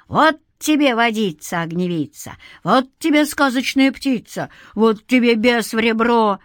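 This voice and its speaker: A stout old village granny who scolds with sharp, bossy force, as a woman puts her on. She rises high and loud when she chides. The sound is dry and close. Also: unhurried, no echo, close to an everyday voice. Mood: scolding.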